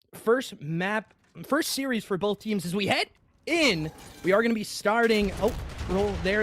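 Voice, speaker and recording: With a high-pitched, fairly bright voice, a young esports caster narrates the action play-by-play while hiccuping and offering apologetic asides to his stream chat. The audio is clean and studio-like, without echo.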